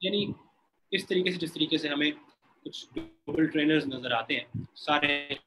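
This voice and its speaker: A man's voice: fairly high pitch, normal speed, poor audio. A male interviewer asking polite questions over a video call, his audio breaking up on a bad internet connection. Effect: choppy internet call audio cutting out.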